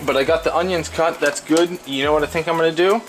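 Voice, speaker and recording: A man's voice: a little high, fairly even intonation, quick pace. A man hosting a casual cooking video, talking in a blunt, crude, rambling way and repeating himself. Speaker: host of a cooking show. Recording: clearly noisy, frying and stirring sounds. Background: sizzling pan, stirring, clicks.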